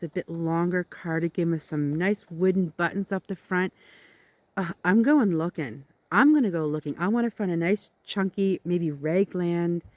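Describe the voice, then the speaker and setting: A woman's voice: lowish voice, a little mellow, no room sound. A middle-aged woman rambling casually to her viewers outdoors, in a chatty, informal way. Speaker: vlogger. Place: outdoors in the countryside.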